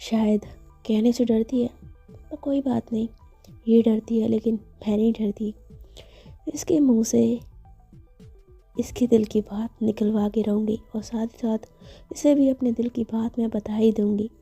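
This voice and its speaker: A woman storyteller voicing a confident, playful young female student who coaxes and teases, in a husky, level voice. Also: on the high side, fairly even intonation, unhurried, warm tone, soft background music. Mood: scheming. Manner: bold, coaxing, playful.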